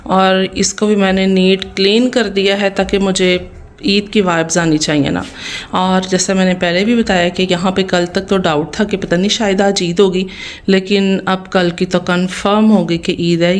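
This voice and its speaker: A woman from Pakistan with a Pakistani Punjabi accent, hoarse and tired, chatting to viewers in a home vlog voice-over. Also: medium pitch. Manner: chatty, addresses viewers directly, asks their opinion. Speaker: vlogger.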